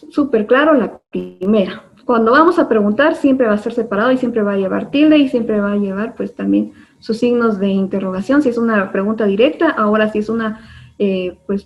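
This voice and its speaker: A woman teaching an online class, explaining patiently step by step with frequent fillers, heard over a video call. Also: a little high. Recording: dull lo-fi online class audio.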